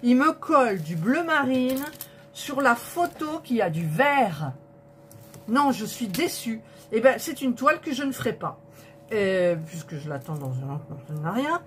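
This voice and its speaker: A woman with a mid-range, sing-song voice speaks unhurriedly over slight background noise. She's a vlogger unboxing a diamond painting kit, counting the colour numbers aloud to her viewers with indignation and disappointment.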